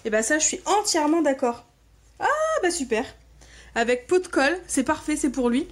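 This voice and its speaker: A woman's voice: high-pitched, very animated, normal speed. A woman hosting a scrapbooking channel, chatting casually and enthusiastically as she unboxes and admires craft supplies. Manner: gushing, enthusiastic, repeats her delight.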